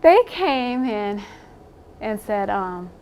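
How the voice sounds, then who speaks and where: A woman speaks bluntly in an interview, giving a candid personal account with emphasis and the odd curse. Her voice sits at a mid pitch, with a faint hiss of background noise. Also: very animated, very slow, darkish tone. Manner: blunt and emphatic, swears, laughs wryly.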